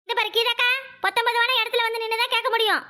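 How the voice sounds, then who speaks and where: A woman's voice: extremely high pitch, fairly even intonation, fast talker. A woman voicing an indignant, accusing village housewife in a cartoon, with a Kanyakumari Tamil accent. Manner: complaining, accusing, shouting. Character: fiery robbed housewife, loud and indignant. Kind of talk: cartoon voice acting.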